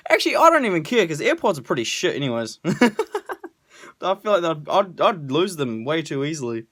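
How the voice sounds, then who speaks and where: A young man filming a casual unboxing vlog, excitable and swearing a lot, with loud bursts of delight. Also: on the high side, normal speed. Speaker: vlogger. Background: music.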